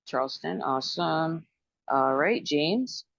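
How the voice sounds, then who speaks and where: A woman hosting a dating show over a call, her voice low and steady. She keeps things brisk and upbeat, calling each guest in turn. The audio is dry and a little dull. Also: creaky, no echo.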